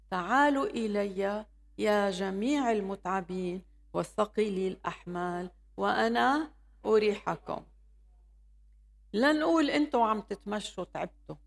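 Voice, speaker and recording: A woman's voice: medium pitch, gravelly. A woman preaching a sermon, reading scripture and exhorting her listeners with calls of hallelujah. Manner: reads scripture aloud and exhorts, calling hallelujah.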